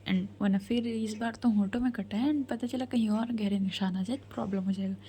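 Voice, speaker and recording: A woman's voice: medium pitch, steady tone, fairly quick, dark tone, slightly rough, close to an everyday voice. Bhavya, a flustered young wife, whispered role-play, voiced by a woman. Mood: defensive. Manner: defensive, shy.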